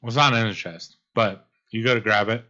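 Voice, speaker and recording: A man narrating as game master in a relaxed, casual way, full of fillers. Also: lowish voice, fairly quick. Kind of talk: narrating a tabletop game on a live stream. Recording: muffled lo-fi stream audio.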